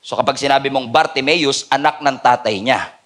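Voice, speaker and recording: A man with a Filipino accent preaching a sermon at a church night service, mixing Tagalog and English and swinging between hushed and loud. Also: mid-range voice, normal speed.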